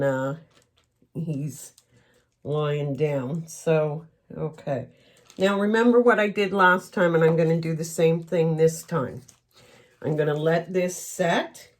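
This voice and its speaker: A woman's voice: deep voice, darkish tone. A middle-aged woman from Canada chatting candidly while she works on a craft piece, rambling and a little emotional. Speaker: craft vlogger. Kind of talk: casual chat while crafting.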